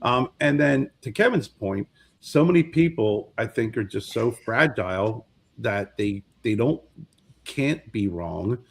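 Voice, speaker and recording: A man in his fifties co-hosts a podcast, chatting casually and rambling, often repeating words while he searches for the next one. His voice is mid-range and gravelly, with lively intonation and a slightly slow pace.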